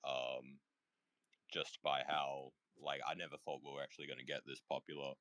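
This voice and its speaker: A man's voice: rumbling low, level tone, normal speed, a bit bright, no room sound. A young man talking in a casual voice chat, hesitant and full of "like" and "um". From Australia.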